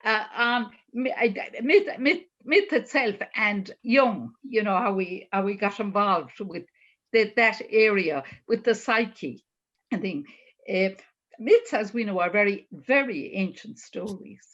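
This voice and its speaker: An older woman with an Irish accent gives an informal, unscripted talk, often halting and repeating herself as she searches for words. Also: mid-range voice, a bit bright, muffled recording. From Ireland. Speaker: speaker on myth and Jungian psychology. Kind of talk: informal lecture, unscripted storytelling of ideas.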